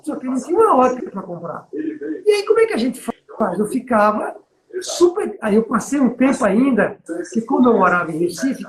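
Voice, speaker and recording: Recorded roughly in an echoey room, a very high-voiced business mentor from Bahia tells stories in conversational coaching and keeps asking whether the listener follows. He is middle-aged and speaks with a Northeastern Brazilian accent.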